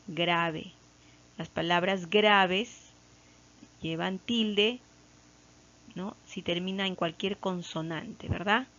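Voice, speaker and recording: A woman teacher with a Peruvian Spanish accent walks through a grammar lesson at an unhurried, deliberate pace. She keeps checking in with short tag questions, and her voice sits at an ordinary middle pitch. The recording is dull and lo-fi. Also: fairly bright tone.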